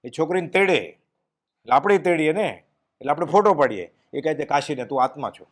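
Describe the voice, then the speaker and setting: A man delivers a devotional discourse in a fairly high voice. He tells stories and sprinkles in English words. At solemn moments his voice drops low and soft. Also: expressive, fairly quick. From Gujarat, India. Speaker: spiritual speaker giving a discourse.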